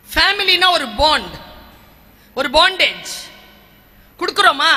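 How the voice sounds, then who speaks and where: A woman in her forties, a teacher serving as guest speaker, gives an emphatic talk in a large church hall, listing points in short, punchy phrases. Her voice sits high and sounds pushed and bright, with long church-hall reverb on the recording.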